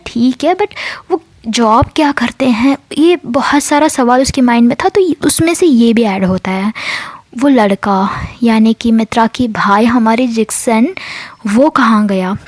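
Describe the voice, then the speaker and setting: A woman narrates a serialized romance story in a loose, rambling, conversational way, slipping in English words. Her voice sits fairly high. The recording is dry, with no room sound. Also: no room sound. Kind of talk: casual spoken storytelling.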